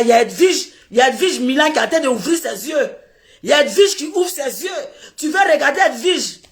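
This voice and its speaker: High-voiced woman telling comic stories. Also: a bit bright. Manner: laughs through her words, acts out little scenes. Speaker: social media commentator. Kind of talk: animated comic storytelling.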